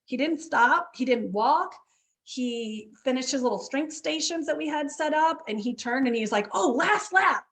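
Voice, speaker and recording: A woman's voice: high-pitched, moderate pace. Chatty woman coach telling a story. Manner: chatty, many fillers and "you know what I mean". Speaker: run club coach. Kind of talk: casual interview storytelling.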